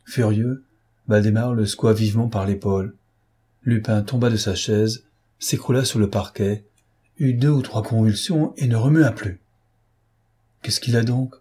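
A male narrator reads a novel aloud at a measured, even pace. His voice sits low, with a dark, mellow timbre and a husky grain. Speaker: audiobook narrator. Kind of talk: audiobook reading.

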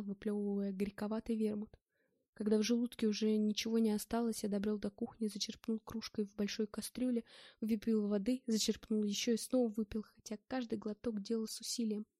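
A woman narrating a first-person novel in a steady, measured reading. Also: mid-range voice, no echo, clean studio sound. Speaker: audiobook reader.

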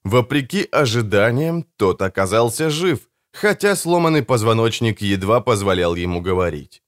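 A man reading a dark fantasy novel aloud as an audiobook narrator, in even, measured narration. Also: fairly low pitch, no echo, studio quality. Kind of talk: scripted narration.

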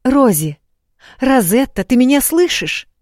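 A woman's voice: mid-range voice, slow, darkish tone, dry recording, clean studio sound, pitched above the performer's own voice. A woman reading an audiobook, voicing a young flustered noble bride in a breathless, pleading way. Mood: eager.

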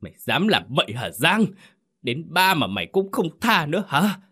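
A man's voice: deep voice, normal speed, fairly bright tone. A man voicing a stern, furious older brother. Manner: harsh, scolding. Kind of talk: horror story reading.

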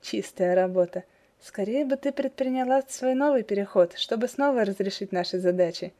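A woman's voice: medium pitch, moderate pace, warm tone, natural voice. A woman voicing a dry, good-humoured young man. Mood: wry. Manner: dry, wry.

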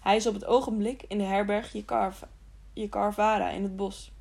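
A woman's voice: medium pitch, flat delivery, moderate pace, gravelly, a little mellow. A woman reading the lines of a mysterious old man in a hooded robe, who talks in an urgent, pleading way.

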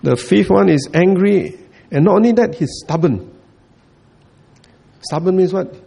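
A man's voice: high voice, animated, measured pace, creaky, warm tone, slightly rough. A man giving a Buddhist dharma talk, repeating points, checking in with listeners and chuckling often. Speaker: Buddhist teacher.

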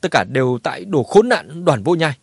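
A man voicing a scheming noble clan leader who talks fast and shrill, shifting blame. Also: huge pitch swings, breathy edge, no echo, studio quality. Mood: panicked.

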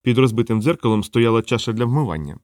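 Steady male audiobook narrator. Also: medium pitch, no echo, studio quality. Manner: steady, measured reading. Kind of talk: scripted narration.

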